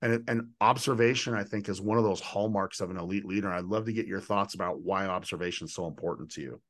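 A low-pitched man talks fast with a fairly bright tone. He's a podcast host and leadership coach leading a conversational interview, laying out his ideas with enthusiasm, affirmation and emphasis.

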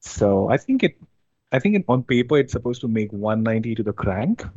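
Relaxed hesitant man from India, dark voice. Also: mid-range voice, a little fast, breathy edge, no room sound, lo-fi sound. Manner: relaxed, hesitant, many fillers and restarts. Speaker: interview guest, amateur drifter. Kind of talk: casual interview chat.

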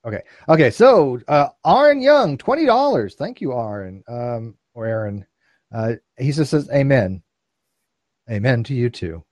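A man's voice: medium pitch, sing-song, dry recording. Teasing man reading viewer donations. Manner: teasing, halting, jumps between loud and quiet. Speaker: co-host reading super chats. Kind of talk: casual livestream chat.

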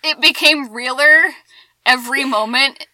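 A woman's voice: high-pitched, unhurried, bright, forceful tone, no room sound. A young adult woman co-hosting a podcast, wry and giggly, with a slight lisp from dental aligners. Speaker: podcast co-host. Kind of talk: casual sarcastic chat.

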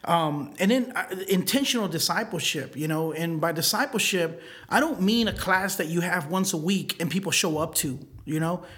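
A man's voice: on the high side, expressive, normal speed, a bit bright. A man in a casual panel discussion, explaining his points conversationally and often checking in with his listeners. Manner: explanatory, checks in with "right" and "you know". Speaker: church leader, panel guest.

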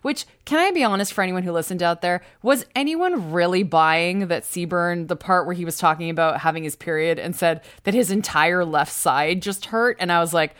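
Lower-voiced woman in casual chat. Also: normal speed, few pauses, fairly bright tone, smooth, dry recording, clean studio sound. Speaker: podcast co-host.

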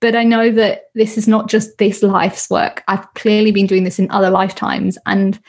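Husky British woman in her thirties. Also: medium pitch, level tone, normal speed, darkish tone. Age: 30s. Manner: earnest, emphatic, repeats phrases, laughs often. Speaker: guest, healing coach. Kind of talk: casual interview chat.

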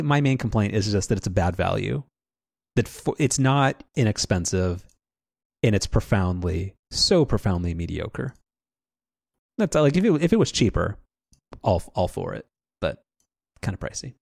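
Gravelly low-voiced man chatting. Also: sing-song, normal speed, pauses often, a little mellow, no echo. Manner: rambling, many restarts and fillers, dry sarcasm. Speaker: podcast co-host. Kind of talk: casual podcast chat.

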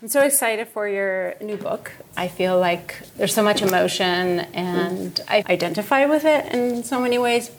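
A woman interviewer asking eager, warmly worded questions in an onstage conversation. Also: medium pitch, normal speed, few pauses, crowd noise, noisy background.

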